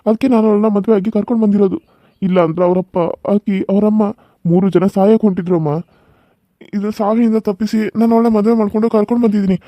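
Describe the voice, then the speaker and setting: A fairly high, quick-talking young son with a North Karnataka Kannada accent, voiced by a man, pleading earnestly with his mother. His tone is mellow and the sound is dry and close. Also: fairly even intonation, no echo, natural voice. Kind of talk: cartoon serial voice acting.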